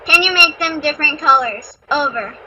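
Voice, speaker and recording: A woman's voice: high-pitched, moderate pace, sharp tone. A female voice reading out prepared questions over an amateur radio link. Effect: amateur radio transmission. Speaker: relayer of pupils' questions. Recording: dull, lo-fi radio audio with faint static.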